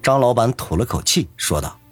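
A man narrating a serialized novel with expressive storytelling. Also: medium pitch, normal speed, breathy edge, no echo. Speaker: audiobook narrator.

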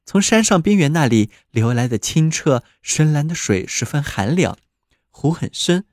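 A man reading a fairy tale aloud with an expressive, descriptive delivery. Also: on the high side, moderate pace, no room sound, clean studio sound. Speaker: storyteller.

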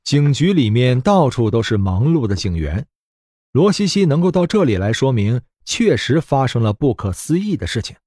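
A man narrating a fantasy web novel as an audiobook, with expressive storytelling. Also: medium pitch, normal speed, no echo, studio quality.

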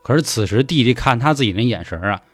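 Lively Beijing-accented male storyteller. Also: medium pitch, quick pace, dry recording. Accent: Beijing Mandarin. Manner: lively, chatty, colloquial. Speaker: urban legend storyteller. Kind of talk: podcast storytelling.

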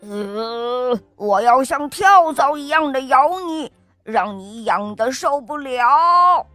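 A woman voicing a little boy frog who pretends to be a scary monster, with gruff mock-threatening growls. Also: sits high, expressive, slow pace, sharp tone, no echo, full character voice. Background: faint music.

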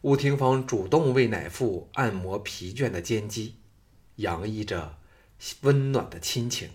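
A man narrating a martial arts novel in a steady, measured storytelling style. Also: on the low side. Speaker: audiobook narrator.

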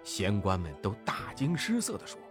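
A man narrating a classic children's story in an expressive, sing-song way. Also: fairly low pitch, moderate pace, soft background music.

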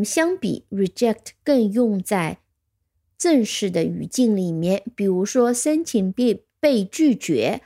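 A woman's voice: mid-range voice, dark tone. A woman teaching English vocabulary, patiently explaining words and spelling them out letter by letter. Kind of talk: vocabulary lesson.

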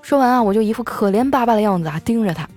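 A woman's voice: on the high side, rapid-fire. Woman, comedy host, scripted comic monologue, faint music behind. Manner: animated storytelling, acting out quoted lines in raised voices.

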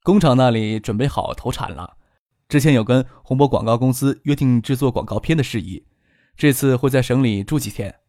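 A calm, shrewd young businessman, voiced by a male narrator. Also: mid-range voice, no room sound, clean studio sound, lightly acted. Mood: composed. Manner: measured, composed, explaining.

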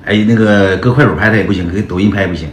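In an echoey room with guitar music playing, a man with a deep voice talks very fast, a slight hiss or hum in the recording. He casually spins a rambling personal story packed with slang, addressing his listeners as brothers.

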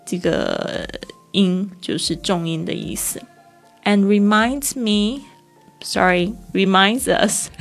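A woman teaching English vocabulary, slowing down to read phrases and spelling words letter by letter. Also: medium pitch.

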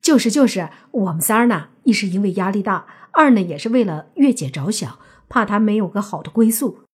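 A woman voicing a flattering young man who talks eagerly and fast, husky-toned. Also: medium pitch.

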